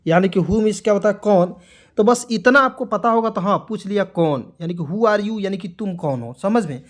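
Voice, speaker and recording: A man with a fairly high voice runs an English lesson. He spells each word out letter by letter, then drills it with repeated questions and answers. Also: moderate pace. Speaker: English teacher. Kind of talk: classroom-style spoken lesson.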